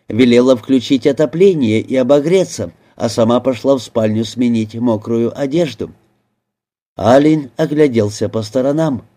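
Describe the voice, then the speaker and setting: A male narrator reading a detective audiobook in a measured, expressive storytelling manner. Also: mid-range voice. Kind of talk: scripted narration.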